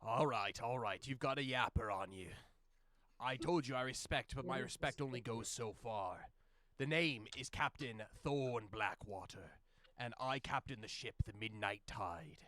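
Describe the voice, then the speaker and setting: A man's voice: medium pitch, unhurried, pushed and bright, dry recording. A man voicing a proud, brazen pirate captain in a tabletop game, boastful and formal as he bargains and challenges. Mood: grudging respect.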